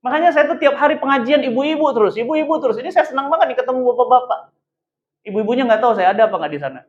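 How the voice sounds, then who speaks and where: A man's voice: very high voice, lively intonation, rapid-fire. A male preacher delivers a sermon, throwing out questions and answering them at once. The sound is dull and the big room echoes around him. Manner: emphatic, asks rhetorical questions and answers them himself; keeps addressing listeners as "Pak". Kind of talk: lively sermon to a congregation. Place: mosque hall.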